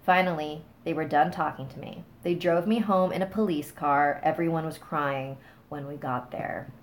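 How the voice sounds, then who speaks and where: Speaking at a normal speed in a low-pitched voice, this woman runs a laid-back livestream on a phone set on a small stand. She reads scary stories, chats and laughs with viewers, thanks them and trails off at times, sounding slightly stuffy-nosed.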